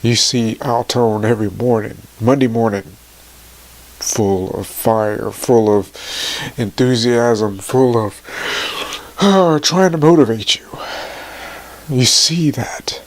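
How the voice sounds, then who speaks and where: A man in his forties speaking emotionally to his viewers, halting and tearful, his voice sometimes sinking to a near whisper. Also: mid-range voice. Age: 40s. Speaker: motivational vlogger. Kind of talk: emotional personal talk to camera.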